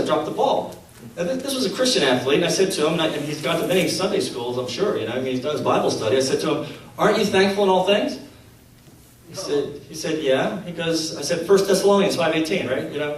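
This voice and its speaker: Animated male speaker in an echoey hall. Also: fairly high pitch, slight background noise. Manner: animated, acts out quotes, laughs at his own stories. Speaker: speaker at a faith conference. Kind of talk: storytelling talk to an audience. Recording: very echoey hall, mic at a distance.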